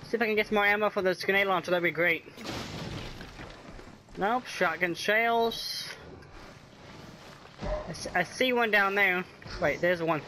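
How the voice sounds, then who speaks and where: Excitable high-voiced man playing a game. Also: unhurried, long pauses, noisy background. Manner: excitable, cursing, yelling at enemies. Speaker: gameplay commentator. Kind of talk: let's play commentary.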